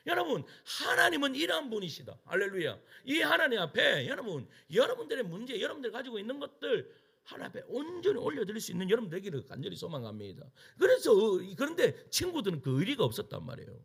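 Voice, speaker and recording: A man's voice: very high voice, wildly swooping pitch, fast, creaky, a bit bright, breathy edge. A middle-aged man, a pastor preaching a sermon, pressing the congregation with rhetorical questions and answering them himself. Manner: emphatic preaching with rhetorical questions and call-and-response.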